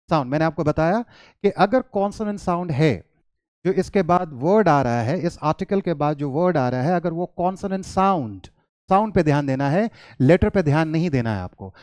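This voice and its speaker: A man's voice: fairly high pitch, darkish tone, no echo, studio quality. A man teaching English to children in a patient lesson, mixing Hindi with English words and answering his own questions. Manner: patient, repeats questions and answers them himself.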